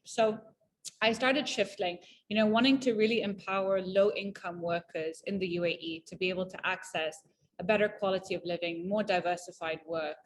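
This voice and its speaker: A woman's voice: mid-range voice, slight background noise. A woman from Malawi in her thirties, a guest chatting in an interview in an upbeat, talkative way with many fillers and restarts. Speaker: entrepreneur guest. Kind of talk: casual conversational interview.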